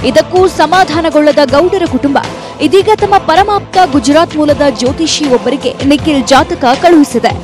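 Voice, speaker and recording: Woman reporter, kannada accent, really high voice, punchy news voice-over with music underneath. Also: moderate pace.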